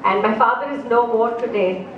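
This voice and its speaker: A high-voiced woman from India tells a story live at a festival opening ceremony, speaking slowly and expressively and asking the crowd questions. The sound is lo-fi, picked up by a distant mic in an echoey hall with background noise.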